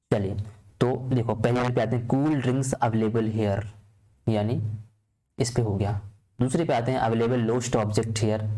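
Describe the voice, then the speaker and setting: A man's voice: fairly low pitch, mellow. A man teaching an exam-prep lesson, answering his own questions step by step in a patient, repetitive way. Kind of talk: exam-prep lesson explaining a reasoning puzzle.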